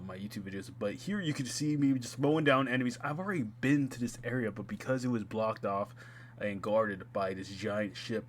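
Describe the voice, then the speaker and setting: A man's voice: mid-range voice, a bit bright. Gamer guy voicing over his own footage, easygoing, mid-range voice, laughs a lot. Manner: chatty, laughs at himself, restarts mid-sentence. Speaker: gaming YouTuber. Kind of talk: casual gameplay commentary. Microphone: home gaming mic.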